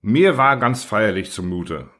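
A man reading a humorous first-person short story aloud in a wry, expressive style. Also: lowish voice, measured pace. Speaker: audiobook narrator.

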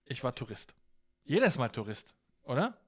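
A man co-hosting a podcast, chatting casually with a friend. He sounds playful and teasing, like a cheeky teacher. His pitch swings up and down a lot as he talks. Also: big pitch swings, normal speed, breathy edge. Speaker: podcast co-host. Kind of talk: casual chat.

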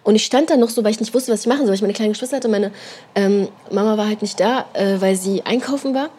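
A woman's voice: mid-range voice, fast, warm tone, breathy edge. A young woman telling a long personal story in a casual podcast chat, rambling with lots of fillers and slang tags. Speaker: podcast co-host.

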